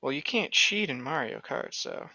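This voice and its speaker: On this comedic comic-book reading show, a male co-host banters and reads aloud, silly, playful, and quick to laugh. His medium-pitched voice is very animated, gravelly, pushed and bright; there's no room sound, though the recording is a bit dull.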